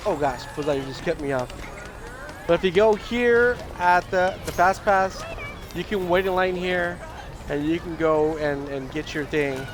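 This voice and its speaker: Speaking a little slowly in a voice on the high side, a streamer rambles casually through his livestream with frequent restarts. He's hoarse and says his scratchy voice is giving out. Video game music plays in the background.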